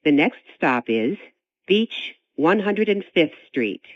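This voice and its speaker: Chime then train announcement, tinny loudspeaker, dry, lively pitch, measured delivery. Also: dry recording. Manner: measured, evenly paced announcing. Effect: onboard train loudspeaker announcement after a chime. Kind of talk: recorded transit announcements. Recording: tinny, dry speaker sound.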